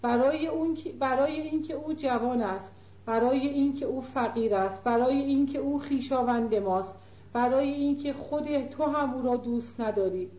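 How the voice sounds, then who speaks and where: A woman narrator voices a sixteen-year-old girl, lively and willful, pressing her mother eagerly. Her voice sits high. The sound is roomy and somewhat muffled, as in a lo-fi recording. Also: close to an everyday voice. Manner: eager, coaxing.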